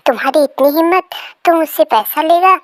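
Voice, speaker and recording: A woman's voice: sits high, fairly even intonation, moderate pace, dry recording, natural voice. A woman voicing a cruel, bullying male kite bird in a cartoon story, speaking angrily and threateningly. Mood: angry. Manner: angry, threatening.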